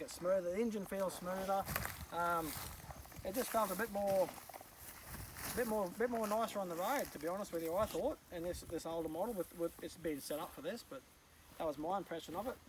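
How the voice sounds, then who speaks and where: A man hosting a casual outdoor interview, asking rambling, chatty questions. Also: high-pitched. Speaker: host interviewing riders. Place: outdoors in the countryside. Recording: distant mic with faint outdoor noise.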